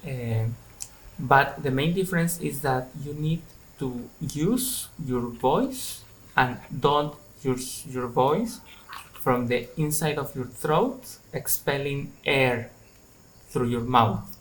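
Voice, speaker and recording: Slow, deliberate male pronunciation teacher. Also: mid-range voice, low-quality recording. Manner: slow, deliberate, repeats words for drilling. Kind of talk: English pronunciation lesson.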